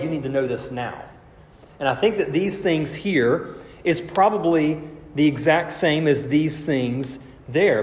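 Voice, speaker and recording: A man whose voice is on the high side with a darkish tone preaches an expository sermon, explaining scripture step by step and asking rhetorical questions. He's a pastor getting over a cold, addressing a congregation in a large reverberant space; the audio is echoey and slightly dull.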